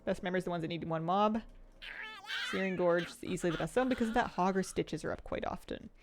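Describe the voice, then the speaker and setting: A woman's voice: lowish voice, fast talker, noisy background. A woman chatting casually as she streams a game, rambling and thinking aloud in a conversational way. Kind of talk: casual gaming commentary chat. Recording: game music behind voice. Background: video game music and sounds.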